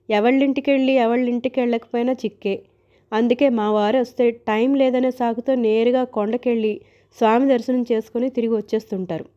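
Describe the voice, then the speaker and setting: A woman's voice: fairly high pitch, mellow. A woman reading a story aloud in a wry, chatty storytelling manner. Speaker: narrator. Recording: dull lo-fi recording.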